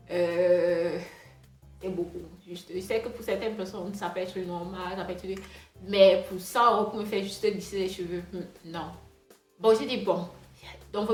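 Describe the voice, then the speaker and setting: A woman vlogger telling a storytime in a rambling, chatty way, speaking French with a noticeable non-native accent. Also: mid-range voice. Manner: rambling, chatty, many fillers and restarts. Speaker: hair vlogger. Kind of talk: casual storytime monologue. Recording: roomy echo with faint music.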